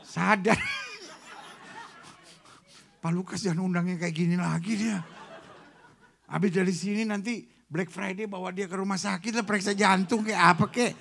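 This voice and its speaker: Male pastor, gravelly and sharp-toned, energetic sermon full of loud peaks and quiet asides. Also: high voice, brisk. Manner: swings from shouting to soft, joking asides; mixes in English phrases. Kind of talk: lively sermon. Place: retreat meeting room.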